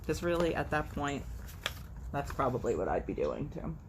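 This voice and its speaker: This storytime host speaks in a rumbling low voice that swings widely in pitch, keeping a normal pace. Her expressive reading is peppered with playful, sardonic, conversational asides, and faint noise sits in the background.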